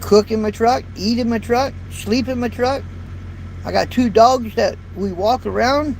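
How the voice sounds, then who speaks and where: This is a fifties-aged truck driver casually chatting live to viewers from his parked cab, rambling folksily and repeating words. His light voice is very high and a little mellow, unhurried, with vocal fry. Faint road and traffic noise is picked up by his built-in phone or camera microphone.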